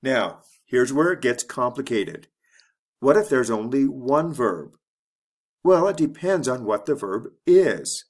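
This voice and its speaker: A man teaching English to beginners, speaking slowly and clearly and modeling the intonation of example sentences. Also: medium pitch, very animated. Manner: deliberate, modeling intonation for learners. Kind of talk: slow, clear lesson narration.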